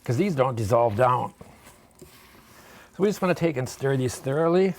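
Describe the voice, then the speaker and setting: A man's voice: medium pitch, expressive, unhurried. A man casually demonstrating a recipe in his home kitchen, chatty and folksy, rambling between steps. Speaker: home cooking vlogger.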